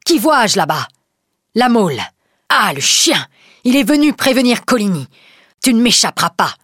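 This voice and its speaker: Woman doing a hot-headed young swordsman: excitable, shouts, wide pitch swings, breathy. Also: fairly quick, no room sound, clean studio sound. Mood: furious.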